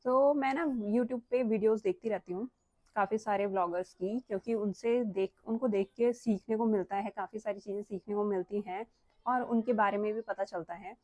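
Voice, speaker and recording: A woman's voice: medium pitch, moderate pace, a little mellow, no room sound. A young woman from Uttarakhand, vlogging at home, chatty and earnest, pressing her points with rhetorical questions. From Uttarakhand, India. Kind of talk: casual vlog talk to camera.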